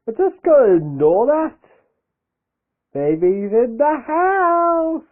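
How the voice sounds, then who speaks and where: A man putting on a silly, squeaky baby voice, playful and teasing, in a sing-song way. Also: big pitch swings, takes it slowly, exaggerated voice. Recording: tinny phone-like audio.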